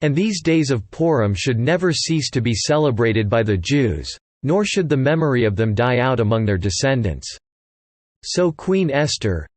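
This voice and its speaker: A man's voice: mid-range voice, dry recording. Man reading scripture in a dry voice. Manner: steady, measured reading. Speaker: Bible reader.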